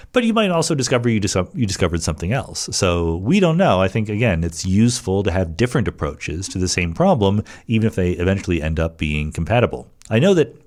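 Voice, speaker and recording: The podcast host, a middle-aged man, has a low-sitting voice with a dark tone. He works through listener questions on his own, talking casually and often restarting sentences or using filler words as he thinks.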